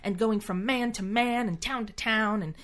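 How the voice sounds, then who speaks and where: A woman's voice: fairly high pitch, moderate pace, fairly bright tone. A woman co-hosting a podcast in casual, comedic chat, playfully emphatic and fond of repeating phrases. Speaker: podcast co-host.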